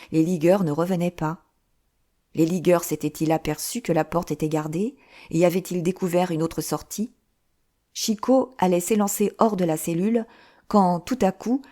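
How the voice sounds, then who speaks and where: A woman narrating an audiobook of a classic novel in a steady, measured storytelling voice. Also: lowish voice.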